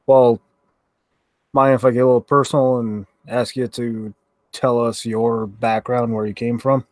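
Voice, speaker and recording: A man's voice: mid-range voice, little pitch movement, unhurried, no room sound. A man co-hosting a casual podcast, speaking earnestly and asking the others questions. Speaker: podcast co-host. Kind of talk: casual chat.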